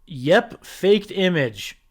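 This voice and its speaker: A man's voice: sits high, big pitch swings, extremely slow. A man reacting to a video about himself, rebutting it point by point in a defensive, exasperated way and often restarting his sentences. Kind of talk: reaction commentary.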